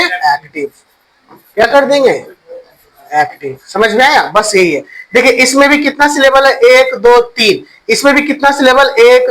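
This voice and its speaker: Male teacher in a classroom, talks slow, bright crisp voice, quizzes the kids and spells words out. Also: very high-pitched, poor audio. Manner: quizzes students and repeats answers, spells words letter by letter. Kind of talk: classroom grammar lesson.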